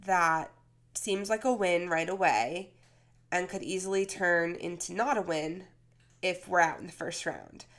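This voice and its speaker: A woman's voice: lowish voice, unhurried, fairly bright tone. A woman co-hosting a podcast with casual sports talk, speaking while sick with a cold. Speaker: podcast co-host.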